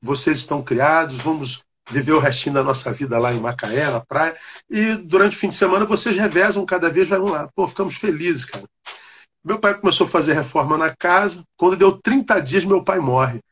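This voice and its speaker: A man, a Baptist pastor, telling a personal testimony in an animated, conversational way. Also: on the high side, brisk, slight background noise. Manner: animated storyteller, calls the listener "cara". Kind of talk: personal testimony on a live chat.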